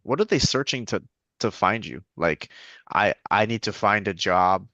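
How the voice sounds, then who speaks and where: A man with a bright, forceful, somewhat low voice chats casually as co-host. He sounds curious and keeps asking questions, recorded dry and close. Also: animated, normal speed, no echo, muffled recording. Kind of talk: casual chat.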